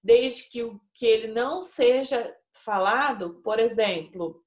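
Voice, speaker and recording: A woman teacher with a Brazilian Portuguese accent giving a recorded lesson to young pupils, explaining slowly and patiently and often checking that they follow. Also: on the high side. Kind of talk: recorded remote class lesson. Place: classroom with a whiteboard. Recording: echoey room.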